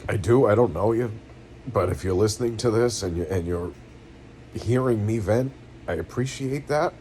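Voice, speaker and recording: A middle-aged vlogger with a New England accent sits at home venting his feelings in a low, deep, dark-toned voice, weary, in pain and close to tears. His earnest speech halts and rambles with many restarts, over a faint hum of background noise.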